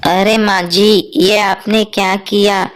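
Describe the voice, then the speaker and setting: A woman voicing a dutiful, excitable young daughter-in-law in a cartoon story, chatty and exclaiming. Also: mid-range voice, slow pace, a little hiss or hum, natural voice.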